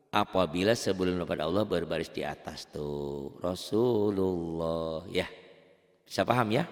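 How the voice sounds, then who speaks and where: A man teaching beginners Quran recitation rules in a casual, chatty way, chanting slow drawn-out examples. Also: on the low side, big-room sound. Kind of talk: online tajwid lesson for beginners.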